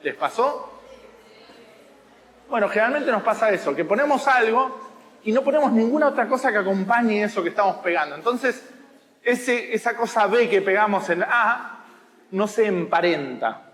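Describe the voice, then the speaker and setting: Rioplatense male art teacher, high voice, explanatory and teasing, echoey hall. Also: animated, normal speed, fairly bright tone. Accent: Rioplatense Spanish. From Argentina. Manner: explanatory, teasing, checks understanding. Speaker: watercolor teacher. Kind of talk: masterclass to students. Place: school hall.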